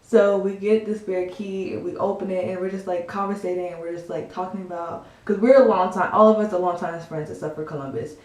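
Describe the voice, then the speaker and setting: A woman's voice: on the low side, steady tone, fairly quick, hardly any pauses, a little mellow. Young girl chatting away telling a storytime, kinda echoey, lots of likes and ums. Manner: chatty, rambling, full of fillers. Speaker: storytime vlogger. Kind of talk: casual storytelling. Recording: echoey room.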